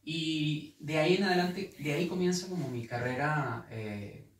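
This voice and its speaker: A man's voice: fairly high pitch, moderate pace. A man from Venezuela with a Venezuelan accent, a guest guitarist telling his story earnestly with many repeated words. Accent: Venezuelan Spanish. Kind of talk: casual interview. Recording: echoey room, mic at a distance.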